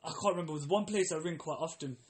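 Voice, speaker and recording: A man's voice: fairly high pitch, quick pace. A young man co-hosting a podcast, chatting casually and acting out phone calls in exaggerated voices, swearing freely. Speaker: podcast co-host. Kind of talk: casual chat.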